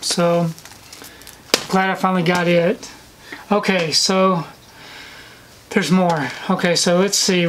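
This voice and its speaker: A woman's voice: medium pitch, slight background noise, rough recording. A woman chatting casually through a collection haul vlog, slightly out of breath, with frequent fillers and restarts. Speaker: video collector vlogger.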